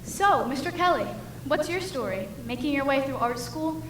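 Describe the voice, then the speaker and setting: A young woman on a school stage playing an ambitious young reporter who talks briskly and persuasively. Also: high-pitched, lively intonation. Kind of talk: school stage musical acting. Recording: echoey hall, faint noise.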